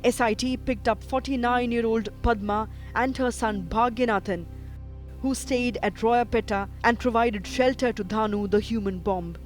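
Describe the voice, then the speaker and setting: Measured male documentary narrator over music. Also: very high voice. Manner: measured, even delivery. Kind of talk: scripted news narration.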